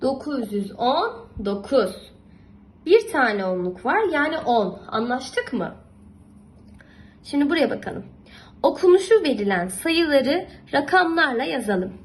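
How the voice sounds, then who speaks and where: Teaching a math lesson to young children, a young woman speaks unhurriedly in a high, very animated voice, patient, encouraging and affectionate, frequently repeating and making sure they keep up. The recording is rough.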